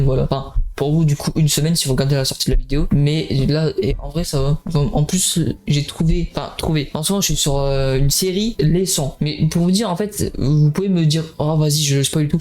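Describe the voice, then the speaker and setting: A man's voice: a little high, a little mellow. Slangy, rambling young man. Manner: slangy, rambling, laughs often. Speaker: YouTuber. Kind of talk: casual chat.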